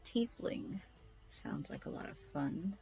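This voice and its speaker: Woman artist, low mellow voice, rambling self-deprecating chatter over faint music. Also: huge pitch swings, slow, creaky, poor audio. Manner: self-deprecating, scattered, talks to herself. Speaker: artist streaming a drawing session. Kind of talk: casual rambling chat while drawing.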